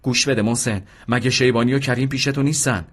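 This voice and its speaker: A man's voice: medium pitch, steady tone, pitched above the performer's own voice, natural voice. A man voicing an anxious, commanding male senior officer who speaks over the radio, insistent and raised. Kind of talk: radio drama reading.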